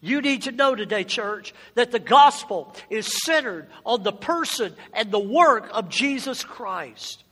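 A man's voice: very high voice, lively intonation, measured pace, few pauses, bright, forceful tone. A man preaching a sermon to a congregation in a passionate, emphatic, exhorting way, with rhetorical questions and repetition. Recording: echoey hall with long reverb.

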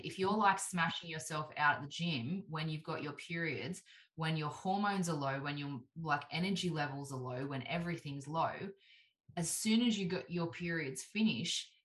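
A woman in her thirties talking casually as a guest, lively and full of "like", acting out what people say. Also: low voice. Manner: animated, heavy use of "like", acts out quoted voices. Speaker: podcast guest. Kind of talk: casual chat. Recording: roomy echo.

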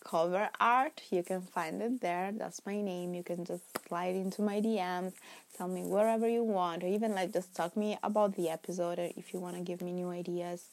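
A woman in her twenties from Italy hosts her own casual solo podcast in English with an Italian accent. Her voice is fairly low, steady and at normal speed, and she rambles, laughs often and sometimes drops to a whisper.

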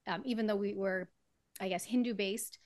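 A woman's voice: medium pitch, steady tone, normal speed, darkish tone, no room sound. Woman guest singer from Trinidad, chatty with frequent laughs; dry close sound. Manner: chatty, laughs often while explaining. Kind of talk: casual interview conversation.

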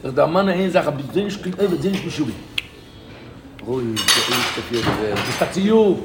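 Rabbi, male, slightly high voice, informal talk, emphatic repeats; roomy echo, heavy noise bed. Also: expressive, normal speed. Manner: emphatic, repeats key phrases, rises to bursts of emphasis. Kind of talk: informal spoken talk to a group. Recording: echoey room with loud background noise.

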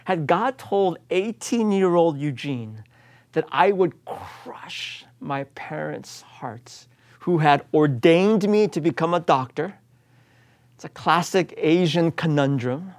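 Animated and slow, this man's voice sits on the high side. He's an American pastor in his late forties delivering an earnest, emphatic sermon that keeps circling back to repeated refrains.

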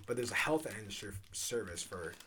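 A man's voice: fairly low pitch, lively intonation, fast talker, a bit bright. A young man hosting a casual podcast at home, laid-back and rambling with plenty of swearing. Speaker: podcast host. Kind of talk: casual chat. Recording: faint background noise.

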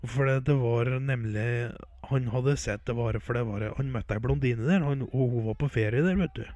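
Telling comic stories and sports commentary, this man rambles through folksy jokes with plenty of filler words. He has a mid-range voice that's a little mellow. There's no echo.

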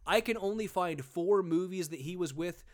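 This man's voice sits high and moves at a moderate pace. He hosts a casual comedy podcast, speaking sarcastically, swearing freely, and leaning on lots of fillers.

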